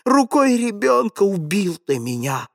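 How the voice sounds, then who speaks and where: Man voicing a old grandfather, hoarse, wailing, guilt-ridden, pleading with God, dry close sound. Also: medium pitch, expressive, a little slow, dry recording. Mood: anguished.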